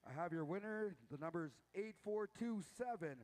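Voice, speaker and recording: A man's voice: sits high, moderate pace, darkish tone. A man emceeing a powwow from an outdoor announcer's booth, making casual, informal announcements and draw calls.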